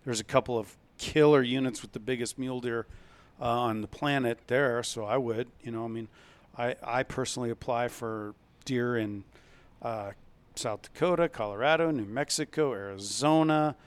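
A man's voice: mid-range voice, normal speed, clear, resonant tone. Guy hosting a hunting podcast, laid back, lots of uh and um. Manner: relaxed, many fillers and restarts. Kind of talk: casual podcast chat.

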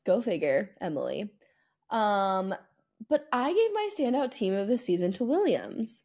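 This podcast host, a woman with a mid-range, dark-toned voice, talks at a measured pace in a sing-song way. She co-hosts a casual sports podcast, chatting through a season recap with a playfully self-mocking manner.

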